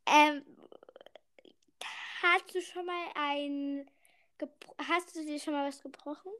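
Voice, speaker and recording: High, bright-voiced young-sounding woman chatting. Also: fairly even intonation, slow. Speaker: challenge partner asking questions. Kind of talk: casual playful chat.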